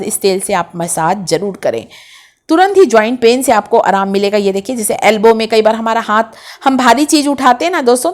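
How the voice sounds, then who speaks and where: Chatty Hindi-speaking woman explaining home remedies. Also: fairly high pitch. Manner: chatty, addresses viewers as friends. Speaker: cooking channel host.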